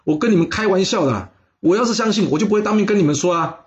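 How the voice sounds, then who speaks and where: A man's voice: sits high, very fast, dull audio, voice pushed up, natural voice. Brief: male storyteller doing a cocky warlord, raised voice, brushing off all doubt. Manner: jovial, brash, laughing it off. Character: boastful overconfident ancient male warlord.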